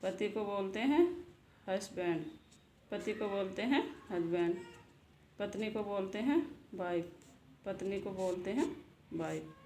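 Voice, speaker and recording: A woman's voice: medium pitch, unhurried, pauses often, a little mellow. Lady teaching words in a casual lesson, says each one twice, echoey room w/ a bit of noise. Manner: repeats each word twice, asks and answers herself. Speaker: channel host and English teacher.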